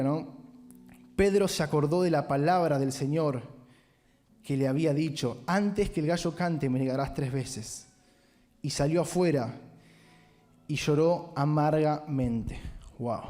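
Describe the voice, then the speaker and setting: Rioplatense preacher, warm voice, echoing church. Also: male voice, fairly high pitch. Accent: Rioplatense Spanish. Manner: animated storytelling, acts out quotes, frequent rhetorical "¿no?". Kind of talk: sermon. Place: large church sanctuary. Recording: long hall reverb in church.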